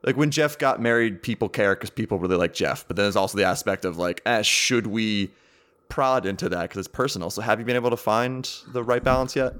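Fast-talking, low-pitched male interviewer. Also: fairly bright tone. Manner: informal, wordy, circling questions. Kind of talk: casual interview conversation.

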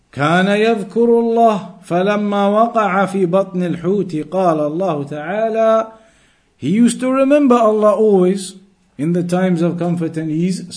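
A religious teacher with a high-pitched, slightly mellow voice gives an Islamic lesson. He recites from a text and explains it deliberately, repeating phrases for emphasis.

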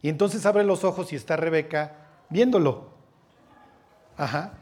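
A man's voice: fairly high pitch, a little slow, a little mellow, breathy edge. A man with a Mexican Spanish accent teaching a Bible sermon in a chatty way, often checking in with his listeners and dropping slangy asides. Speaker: preacher.

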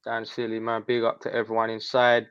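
A man's voice: medium pitch, completely flat delivery, brisk, crowd noise. London roadman man, slightly dull audio. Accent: London, urban street. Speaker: guest on a football fan livestream. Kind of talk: casual chat with street slang.

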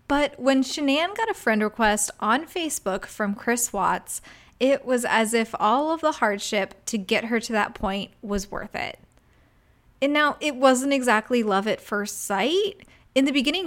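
A woman hosting a true crime podcast, narrating a scripted story in a conversational way as a true crime narrator. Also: a little high.

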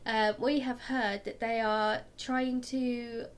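A woman co-hosting a podcast in casual chat, with a croaky voice from being ill and a giggly, jokey manner. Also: a little high, little pitch movement, slow pace. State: poorly with flu or cold. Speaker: podcast co-host.

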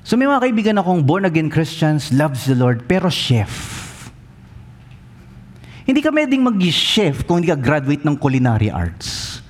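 Animated Filipino pastor preaching with humor. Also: male voice, on the high side, unhurried. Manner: animated storytelling, mixing in English, teasing. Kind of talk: humorous sermon.

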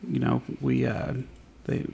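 A young man talks in a heavily gravelly voice and keeps his pitch flat. He chats in an easygoing, rambling way as a podcast co-host at home late in the evening, with a faint hiss under the recording. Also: a little slow. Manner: easygoing, chatty, rambling with restarts. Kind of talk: casual chat. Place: home at night.

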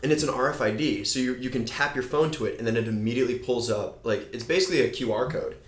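A podcast host, a little drunk, chats casually in a loose, slangy and sweary manner. His mid-range voice moves fast, and the recording has a roomy, echoey sound.

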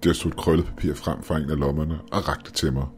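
A man narrating a scripted horror story in a steady, measured way. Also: a bass voice.

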